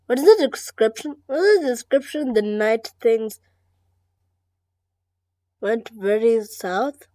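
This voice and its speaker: Slow, mellow-voiced hesitant woman. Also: a little high. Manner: hesitant, rambling, giggly. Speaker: reaction video host. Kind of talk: casual reaction commentary.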